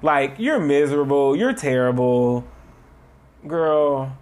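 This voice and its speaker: A man's voice: medium pitch, slow pace, a little mellow. A man co-hosting a podcast in casual chat, swearing freely and mimicking people in exaggerated tones. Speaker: podcast co-host.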